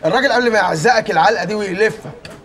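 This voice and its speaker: A man's voice: high voice, very fast, a bit bright. An Egyptian actor playing a cocky young man who poses as a lawyer, talking in a wisecracking, mock-formal way.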